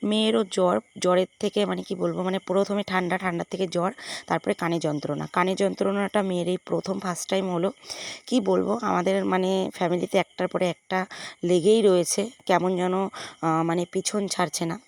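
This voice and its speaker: A woman with a hoarse voice from a cold, chatting in a rambling, filler-heavy way as she vlogs her morning at home. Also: fairly low pitch, steady tone, fast, a little mellow, no echo. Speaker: vlogger. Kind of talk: casual home vlog chat.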